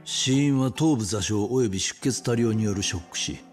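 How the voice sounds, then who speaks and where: An actor voicing a middle-aged police detective with a very low voice. He is grim and businesslike, delivering facts tersely in video game drama style, with faint music behind. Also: moderate pace, lightly acted.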